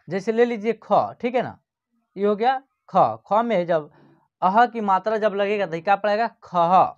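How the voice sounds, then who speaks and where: A man teaching a beginners' Hindi class online, often stopping to check that learners follow and slowing down to spell out each sound. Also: sits high, dull audio. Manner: repeats checking phrases, slows to spell out sounds. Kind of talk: online lesson, explaining at a board.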